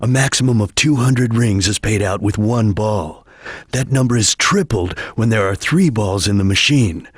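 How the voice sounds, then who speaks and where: An actor playing a serious, disciplined chameleon ninja detective in a video game, husky and terse, speaking in measured lines. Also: male voice, fairly low pitch, no room sound, clean studio sound. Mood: calm, instructive.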